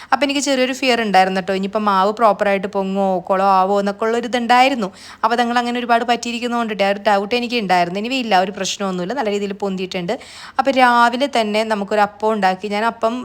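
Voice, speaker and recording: A woman, tired from lack of sleep, giving a rambling, chatty voice-over for her family vlog. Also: mid-range voice. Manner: rambling, chatty, digressive with asides. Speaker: family vlogger.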